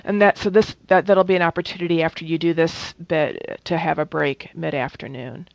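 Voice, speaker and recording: A woman's voice: low-pitched, steady tone, fairly quick, vocal fry, no room sound. A woman presenting a training workshop in a conversational way, with many fillers and restarts. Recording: dull, dry lo-fi recording.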